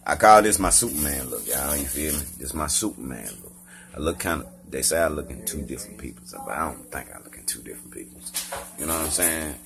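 A man's voice: rumbling low, animated, fast talker, vocal fry. A man from Mississippi with a Southern accent, rambling and swearing on a live video. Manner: profane, rambling, keeps saying "you feel me". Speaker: live streamer.

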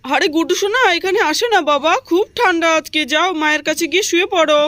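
A woman's voice: extremely high pitch, quick pace, bright, forceful tone, no echo, pitched above the performer's own voice. A woman voicing a fussy young village husband in a doll story, chattering to himself and complaining. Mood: grumbling.

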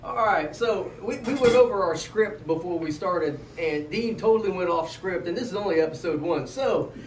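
A middle-aged American man rambles jokingly as he hosts a casual podcast. His voice sits slightly high. It is picked up from a bit of a distance in an echoey room. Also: moderate pace. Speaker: podcast host. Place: echoey room, away from the mic. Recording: echoey room, distant mic, faint noise.

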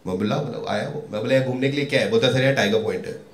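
A man's voice: mid-range voice, racing. Indian man doing stand-up in an echoey room. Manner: acts out quoted dialogue, jumping between shouts and mutters. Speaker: stand-up comedian. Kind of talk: stand-up comedy set.

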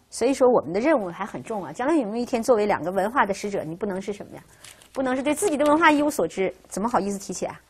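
A woman with a slightly rough, medium-pitched voice lectures a language class. She keeps asking her students rhetorical questions and checking in with "right?".

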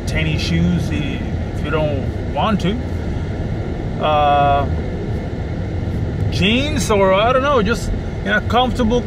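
A middle-aged man, a personal trainer, talking casually to a dashboard camera from his parked car, unhurried and thoughtful. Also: sits high. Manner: slow, thoughtful, gestures with hands. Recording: car interior with clear air-conditioning hum.

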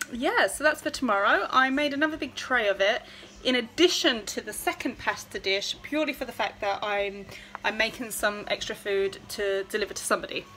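A woman in her thirties talks casually to her phone at arm's length, walking through her week's meals from her home kitchen. Her voice is bright and sits a little high. She keeps a friendly, chatty flow with plenty of ums. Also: poor audio. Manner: chatty, friendly, lots of fillers. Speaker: home cooking vlogger. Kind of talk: casual chat to camera. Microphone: phone held at arm's length.

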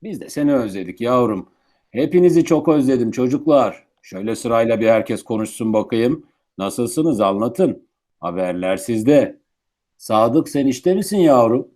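A man's voice: medium pitch, lively intonation, moderate pace, dark tone, natural voice. A man playing a grumbling but affectionate, folksy old grandfather in a radio drama. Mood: tender. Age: older. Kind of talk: Turkish radio theatre acting.

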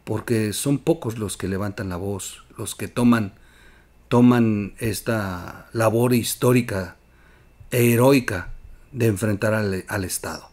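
A man with a Mexican accent hosting a political commentary show, emphatic, with loud outbursts and quiet asides. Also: lowish voice, takes it slowly. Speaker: news commentary host.

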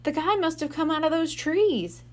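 A woman's voice: high voice, animated, normal speed, pitched above the performer's own voice. A woman reading aloud as a thoughtful, curious young boy detective.

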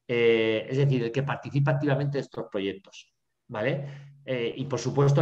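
A man's voice: medium pitch, darkish tone. A man, a drama teacher giving a lecture over a video call, who keeps checking in with his listeners with little tags and fillers. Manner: filler-heavy, constantly checking in with "¿vale?" and "¿no?". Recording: echoey room, dull lo-fi video call.

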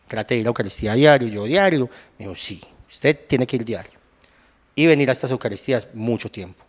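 In a large hall, a young Colombian man with a Paisa accent gives his testimony as a guest in a relaxed, chatty way. He tells it animatedly in a medium-pitched voice, acting out the lines he spoke back then.

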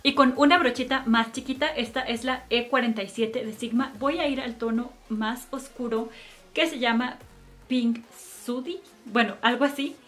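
A woman's voice: on the high side, normal speed, fairly bright tone, faint music behind. A woman giving a chatty makeup tutorial and product review, fond of cute diminutives. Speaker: beauty vlogger.

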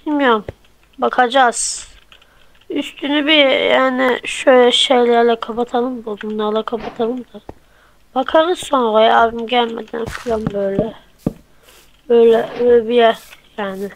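A woman's voice: a little high, steady tone, moderate pace, rough recording. A woman hosting a gameplay channel, chatting casually to viewers and counting blocks aloud as she builds. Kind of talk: casual let's-play commentary.

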